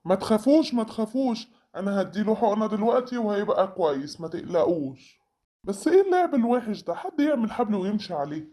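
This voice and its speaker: A kindly jungle animal doctor from a children's cartoon, voiced by an adult. The voice sits at a middle pitch and moves at a brisk pace. It sounds calm and reassuring, with a gently scolding edge. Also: close to an everyday voice. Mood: soothing.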